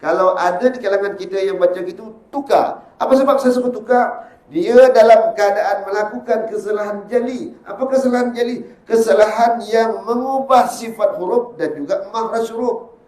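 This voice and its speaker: Malaysian ustaz guy, kinda high voice, chants slow examples then explains fast, echoey room. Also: a little mellow. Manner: chants drawn-out verses to demonstrate, then explains briskly. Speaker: religious teacher. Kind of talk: Quran recitation lesson.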